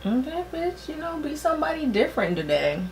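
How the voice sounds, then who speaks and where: A woman's voice: high voice, sing-song, fairly quick, a little hiss or hum. A woman in her twenties, tipsy and giggly, chatting casually with blunt, teasing, swear-happy remarks while doing makeup. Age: 20s. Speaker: vlogger doing a makeup challenge.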